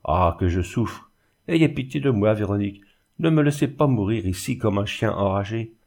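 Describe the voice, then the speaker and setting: A man reading the part of a sick, ruined glassmaker who moans and pities himself, in a low voice. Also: animated, normal speed, warm tone. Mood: plaintive. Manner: plaintive, moaning. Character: suffering, self-pitying ruined male glassmaker. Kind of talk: audiobook character reading.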